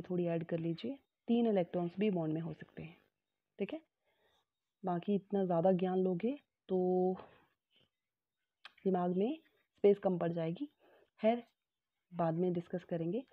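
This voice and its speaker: A woman teaching a chemistry lesson, explaining step by step with homely examples, mixing in English terms and often checking that students follow. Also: mid-range voice. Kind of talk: classroom lecture. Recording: tinny phone-like audio.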